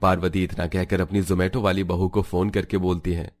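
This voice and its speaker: A man narrating a cartoon story in a steady, scripted storytelling style. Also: deep voice, normal speed.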